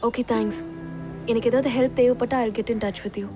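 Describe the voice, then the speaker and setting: Brief: actress as an earnest, helpful woman with a fairly high voice. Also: steady tone, normal speed, over music, natural voice. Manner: earnest, urging. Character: concerned, helpful young woman friend. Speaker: dubbing actor. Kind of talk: dubbed film acting.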